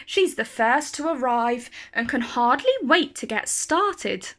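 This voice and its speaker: A woman reads a children's picture book aloud as a storyteller, her voice fairly high and bright. She reads slowly, with animated intonation and careful, expressive phrasing suited to young listeners.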